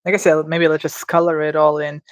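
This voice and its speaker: A streamer from Latvia talks through a drawing live, thinking aloud. The voice sits in an ordinary middle pitch. The sound is dry and close, and the talk stays unsure and gently self-mocking. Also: flat delivery, a little fast, no echo. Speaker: livestreamer. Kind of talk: casual commentary while drawing live.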